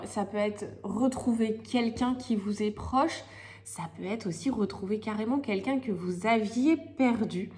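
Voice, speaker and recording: A woman's voice: mid-range voice, a little mellow. A woman with a slightly cracked voice from a head cold, chatting casually and searching for words as she reads tarot cards. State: has a lingering head cold. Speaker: tarot reader hosting monthly horoscope videos. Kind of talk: casual chatty card-reading commentary. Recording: clearly noisy recording with clicks.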